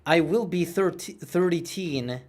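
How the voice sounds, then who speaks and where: A man in his twenties streams a game and chats casually, rambling and mocking himself in a cartoonish voice. He speaks unhurriedly, with a slightly high, darkish-toned voice.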